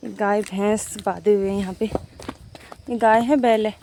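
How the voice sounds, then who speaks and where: This young woman's voice is medium in pitch, dark, and steady, at a moderate pace, with a little hiss or hum in the recording. She's casually vlogging, talking directly to viewers as she walks around a village, with faint animal sounds outdoors behind her.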